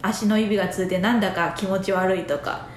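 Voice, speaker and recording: A woman's voice: mid-range voice, steady tone, fairly quick, a little hiss or hum. A woman co-hosting a casual comedy podcast; she is playful and giggly and often answers in short replies. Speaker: podcast co-host. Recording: roomy echo.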